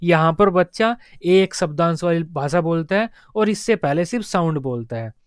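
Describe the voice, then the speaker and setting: A man's voice: on the high side, animated, moderate pace, clean tone, dry recording, clean studio sound. A man giving an exam-prep lecture, explaining step by step and repeating the key points. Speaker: teacher.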